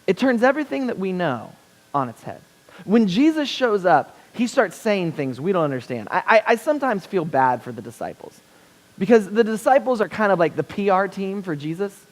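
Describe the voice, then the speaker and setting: A young man delivers a chapel sermon as a pastor, his voice pitched high for a man. He talks loosely and personally, full of self-deprecating jokes and quick "right?" check-ins with the listeners. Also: sing-song. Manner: conversational, self-deprecating humor with frequent "right?" asides. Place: university chapel.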